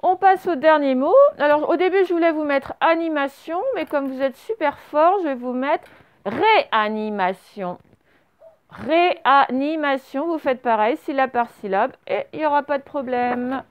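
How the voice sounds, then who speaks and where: A woman's voice: high voice, moderate pace, few pauses, lo-fi sound. A woman teaching a children's dictation, stretching each word and spelling it out syllable by syllable. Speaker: primary school teacher.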